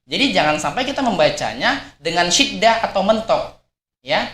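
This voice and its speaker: A man's voice: high voice, big pitch swings, normal speed, fairly bright tone. A man teaching a Quran recitation lesson. He explains patiently, repeats his points, and models each sound aloud. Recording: echoey room.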